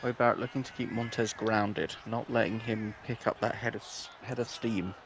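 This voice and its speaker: A man's voice: lowish voice, steady tone, moderate pace. A man doing casual, joking commentary on a wrestling video game, swearing and laughing often. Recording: noisy background hiss.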